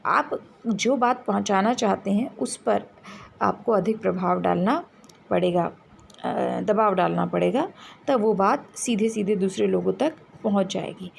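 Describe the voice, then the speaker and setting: A woman's voice: mid-range voice, gravelly, slight background noise. A woman teacher giving a lecture, explaining step by step and answering her own questions. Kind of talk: classroom lecture.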